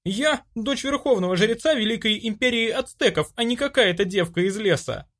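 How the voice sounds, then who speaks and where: Guy doing a young woman voice, high and swoopy, bossy and sure of herself, audiobook. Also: expressive, normal speed, a bit bright. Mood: indignant. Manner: bossy, self-assured. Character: brash young woman, priest's daughter.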